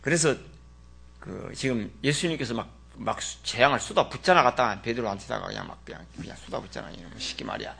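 A man preaching a sermon as pastor, folksy and teasing, swinging from loud exclamations to muttered asides. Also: medium pitch, animated, fast, gravelly.

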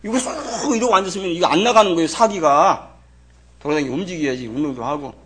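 A man in his sixties preaching a sermon as pastor, scolding in a chatty way and swinging from loud exclamations to quiet asides. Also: a little high, fast.

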